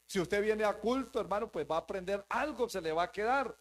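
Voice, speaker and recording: A man's voice: high-pitched, animated, brisk. A man preaching a sermon to his congregation as pastor, emphatic and repetitive, calling them brothers. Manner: emphatic, repeats phrases, addresses the congregation as brothers. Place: church, before a live congregation.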